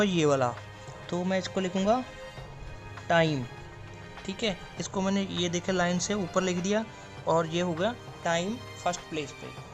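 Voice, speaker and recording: A man explaining a stenography lesson step by step, drawing out example words and answering his own questions. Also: high voice. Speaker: stenography teacher. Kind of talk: classroom explanation.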